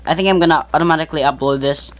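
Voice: mid-range voice, racing, a crowd in the background. A young adult gamer giving casual, bantering, self-mocking commentary over gameplay in an amateur recording. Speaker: gaming video maker. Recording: noisy amateur game recording.

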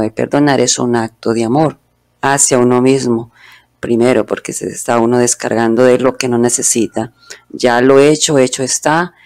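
A man with a gravelly, creaky voice whose first language is Spanish teaches English at an unhurried pace. He goes through a religious text word by word, repeating each pronunciation slowly. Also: mid-range voice, darkish tone. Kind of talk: bilingual religious English lesson.

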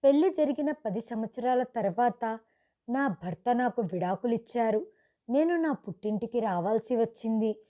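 A woman storyteller reads a first-person family story aloud at an even, steady pace. Her voice sits a little higher than usual and has a mellow, soft tone rather than a bright one.

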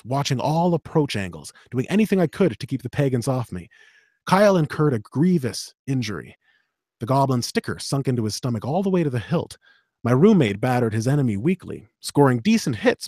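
This audiobook narrator and host, a man with a slight Canadian accent, speaks at medium pitch into a studio condenser mic, wearing headphones. His small home studio has dark drapes and works as a dead, dry booth with no room sound. He delivers steady dramatic narration and then shifts into chatty, laughing casual talk.

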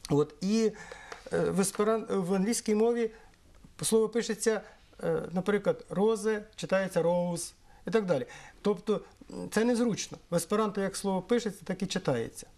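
A middle-aged man from Ukraine explaining things in an interview, measured and pausing often on fillers. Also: sits high, a little mellow. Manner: measured, with frequent hesitations and fillers. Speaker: interviewee, Esperanto historian.

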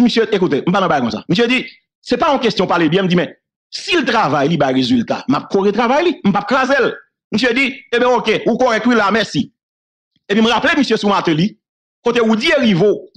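A Haitian man with a high voice tells a story in a loose, casual monologue. He slips into the voices of the people he quotes and laughs often as he goes. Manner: animated retelling, acts out quoted dialogue, laughs often.

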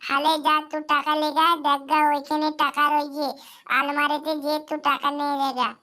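A woman doing a high, scolding game-story mother. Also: completely flat delivery, normal speed, sharp tone. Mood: worried. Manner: scolding, then pleading. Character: worried scolding mother of a young man. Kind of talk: game story role-play.

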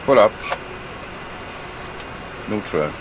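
A man's voice: lowish voice, animated, very slow. A German-accented man, an airline pilot whose first language is German, giving terse, procedural callouts over cockpit headset intercom audio. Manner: terse, procedural, matter-of-fact. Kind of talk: clipped cockpit callouts and radio calls. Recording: distant headset audio over engine noise.

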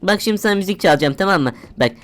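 A woman commenting casually as she plays a horror game, chatty and quick to exclaim and swear playfully. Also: mid-range voice, animated. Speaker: gamer. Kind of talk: let's play commentary.

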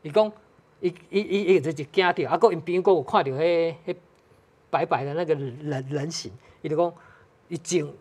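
A studio guest with a Taiwanese accent telling a ghost story on a talk show, talking quickly with many restarts and Hokkien phrases mixed in. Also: mid-range voice, darkish tone, husky. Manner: fast, hesitant, mixes in Hokkien phrases.

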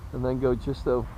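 A man talks slowly and easily as he pilots a model jet from an open field. His voice moves up and down with lively pitch. Faint outdoor ambience sits behind him. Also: slight background noise, low-quality recording. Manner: relaxed, chuckling, talks slowly while flying. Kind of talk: casual flying commentary.

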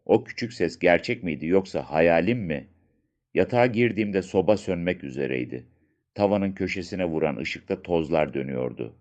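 A man reading a first-person story aloud as an audiobook narrator, in a slow, hushed storytelling manner with dramatic pauses. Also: low voice, expressive, dull audio.

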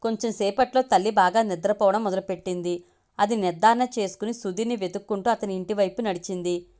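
A woman's voice: medium pitch, steady tone, fast talker, a little mellow. Woman reading a love story aloud. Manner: reads all characters' dialogue in her own voice.

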